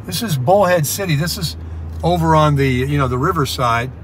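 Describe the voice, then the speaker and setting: A middle-aged man with a voice on the high side vlogs from inside a moving car, rambling at a moderate pace in a casual, folksy, upbeat manner as he drives. Faint road and car noise sits in the background.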